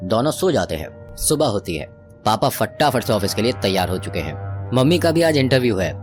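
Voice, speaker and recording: A man's voice: mid-range voice, sing-song, a little fast. Give me a man narrating a horror tale in a dramatic, chatty way over faint music. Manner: conversational, dramatic storytelling. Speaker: storyteller. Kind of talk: Hindi horror story narration.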